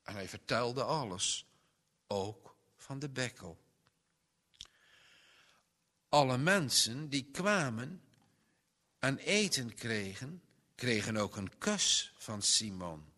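A man reading a children's Bible story aloud with slow, expressive, tender storytelling. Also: medium pitch, long reverb tail.

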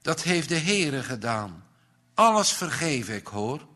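A man reading aloud voices a pious orphan boy calmly forgiving everyone. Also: medium pitch, slow, full character voice. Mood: gentle forgiving. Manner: calm, soft, reassuring.

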